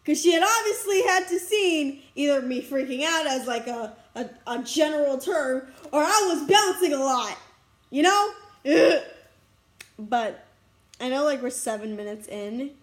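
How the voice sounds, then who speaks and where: A young woman in a casual vlog, rambling excitedly and breathlessly about her school day, recorded outdoors on a school campus. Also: sits high, a little slow. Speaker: vlogger.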